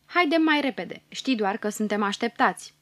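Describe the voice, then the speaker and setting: A woman voicing a hurried, proud male mountain dwarf who guides a girl, in a brisk, urging manner. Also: a little high, expressive, a bit bright, no room sound.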